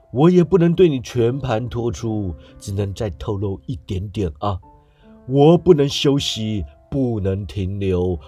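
A man voicing a grieving, chained male ghost who speaks slowly and heavily in a storybook reading. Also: fairly low pitch, mellow, slightly rough. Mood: mournful. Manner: slow, drawn-out, heavy delivery.

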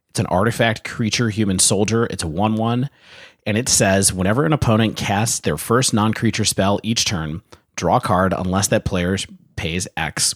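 A man co-hosting a casual podcast, chatty and joking, reading out card text and giving shout-outs. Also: lowish voice, breathy edge, dry recording, studio quality. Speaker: podcast co-host.

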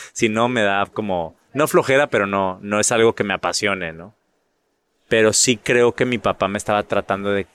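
A middle-aged man from Monterrey with a northern Mexican accent, telling stories in a casual interview, animated and often repeating words while he finds them. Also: fairly low pitch. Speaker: actor and guest.

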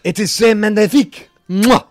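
A man's voice: high-pitched, normal speed, no room sound, close to an everyday voice. A man playing a drunken, boastful French retired footballer with a put-on French accent, rambling and pompous. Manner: pompous, tipsy, rambling, bursts of shouting. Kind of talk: comedic podcast bit.

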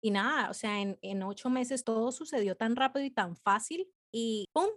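A woman, telling her story as a guest in a casual interview, chatty and animated with frequent fillers. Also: on the high side, normal speed.

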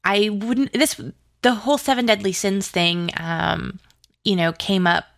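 Her voice is medium-pitched, gravelly yet fairly bright, steady and measured as this audio drama writer and producer is interviewed about creative work. The chat is casual, and she talks informally and effusively in tumbling asides.

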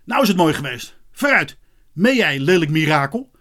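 A man voicing an angry male police officer in a storybook reading, barking and shouting orders. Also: fairly high pitch, big pitch swings, normal speed.

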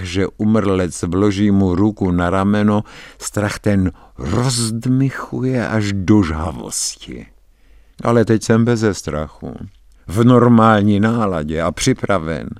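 A man with a low voice reads a horror tale aloud in the first person, tense and measured. His delivery is that of a dramatic radio reading, close and dry, with no room around it. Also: darkish tone, dry recording. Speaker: narrator.

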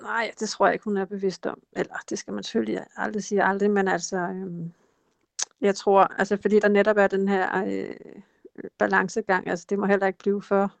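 A woman's voice: mid-range voice, flat delivery, vocal fry, no room sound. A woman guest in an interview, explaining how politicians use language, hesitant with frequent fillers. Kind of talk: conversational interview.

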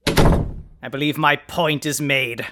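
A performer playing a boastful male supervillain who hosts a podcast, delivering grandiose, insulting proclamations with a quick temper. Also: medium pitch, fairly even intonation, noisy background, close to an everyday voice. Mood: bossy. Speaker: podcast host. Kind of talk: comic scripted podcast.

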